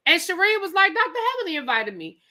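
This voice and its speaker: With a very high-pitched voice, this woman talks fast while hosting a live TV recap. As a show reviewer, she tells the story casually and animatedly, acting out quotes and using some profanity.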